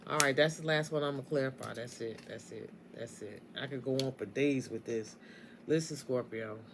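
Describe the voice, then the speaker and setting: Low-voiced blunt woman tarot reader. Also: normal speed, vocal fry, background noise. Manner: blunt and animated, swears freely; talks straight to the listener. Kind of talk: casual tarot card reading.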